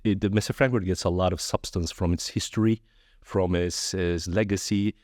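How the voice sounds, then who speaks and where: Deep-voiced Turkish-born man, friendly guest. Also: normal speed, no room sound, clean studio sound. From Turkey. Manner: friendly, storytelling with animated quoted voices. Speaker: podcast guest. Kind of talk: casual interview conversation.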